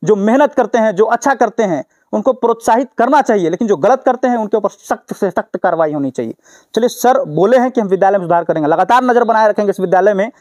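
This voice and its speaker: A man's voice: sits high, expressive, fast talker, a little mellow, no echo, clean studio sound. A man from Bihar reporting on the spot, questioning and lecturing a teacher outdoors at a village school. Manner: confronting and lecturing. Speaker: reporter and host. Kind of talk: on-the-spot news interview.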